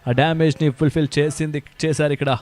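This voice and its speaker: A man's voice: fairly high pitch, fairly even intonation, fast, a little mellow. A man with a Telugu accent gives live ball-by-ball cricket commentary, mixing in English and often starting his phrases with "So". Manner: starts phrases with "So", repeats himself.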